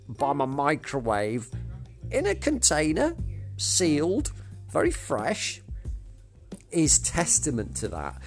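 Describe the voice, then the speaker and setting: A man hosting a chatty solo podcast in a florid, theatrical way, his voice croaky from lingering man flu. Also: medium pitch. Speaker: podcast host.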